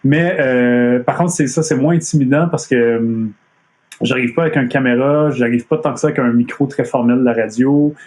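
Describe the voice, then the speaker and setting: A man's voice: medium pitch, moderate pace, a little mellow. A man with a Montreal French accent giving a casual talk from home over a live stream, hesitant with many fillers and restarts. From Quebec. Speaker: comic artist giving a talk. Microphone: computer mic on a video stream.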